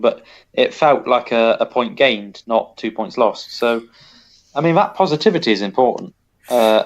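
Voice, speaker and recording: A man's voice: medium pitch, lo-fi sound. A man co-hosting a casual football podcast, rambling and correcting himself with wry asides. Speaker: podcast co-host.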